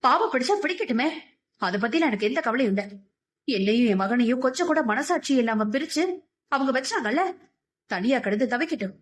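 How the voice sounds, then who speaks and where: A woman's voice: a little high, lively intonation, fast talker. Woman voicing a fierce stubborn mother. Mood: furious. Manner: fierce, shouting, defiant. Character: stubborn furious middle-aged mother.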